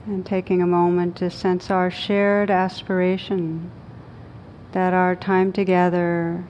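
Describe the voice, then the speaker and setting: Rumbling noise and a dull, lo-fi sound color this recording of a live group meditation held in a room. The female teacher guides slowly and soothingly, calm throughout, with long pauses.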